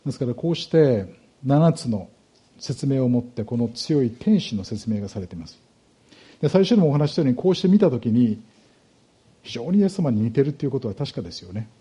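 Male pastor delivering an expository sermon; dark, husky voice, patient teaching manner. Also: mid-range voice, big pitch swings. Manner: explanatory, measured, with rhetorical questions to the congregation.

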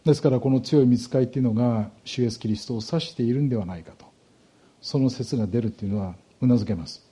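Man, pastor, sermon, very dark tone, husky, measured explanation. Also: mid-range voice. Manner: explanatory, measured, with rhetorical questions to the congregation. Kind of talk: sermon, Bible exposition.

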